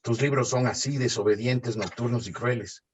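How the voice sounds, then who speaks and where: A man interviewing an author, asking measured questions over a video call. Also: medium pitch, slight background noise.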